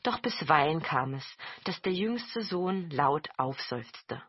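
A woman narrating a fairy tale in a calm, measured storytelling voice. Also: sits low. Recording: dull lo-fi with faint music.

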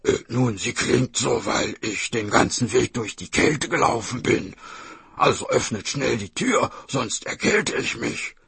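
A man voicing a cunning, hungry tiger posing as a mother, with a husky voice and a hesitant, wheedling manner. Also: medium pitch, expressive, unhurried, fairly bright tone, dry recording, full character voice. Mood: flustered. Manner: wheedling, hesitant with "äh" when caught out.

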